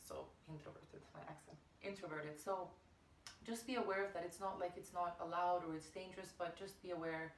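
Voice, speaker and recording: A woman teaches a breathing practice in a halting, reflective way, pausing and correcting herself as she explains. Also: lowish voice, fairly even intonation. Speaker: yoga teacher. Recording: echoey room, distant mic, faint noise.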